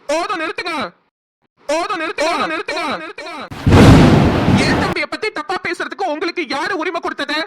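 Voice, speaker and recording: A voice actor playing a protective young elder brother in a cartoon drama, talking fast and defensively. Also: high voice, heavy background noise, lightly acted. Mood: angry. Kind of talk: cartoon voice acting.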